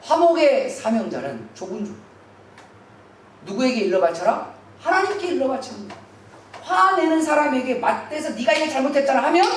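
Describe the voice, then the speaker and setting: A man preaching a Sunday sermon as pastor, earnestly putting rhetorical questions to the congregation. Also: very high-pitched. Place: church sanctuary. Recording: very echoey hall, distant mic, faint hiss.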